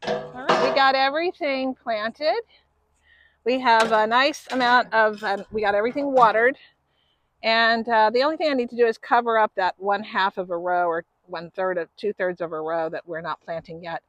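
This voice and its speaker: A woman's voice: a little high, moderate pace, no room sound, dull audio. Chatty woman gardening outdoors. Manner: relaxed, chatty, with fillers. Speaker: gardening channel host. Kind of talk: casual how-to gardening talk. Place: outdoors in a garden bed in a grassy field.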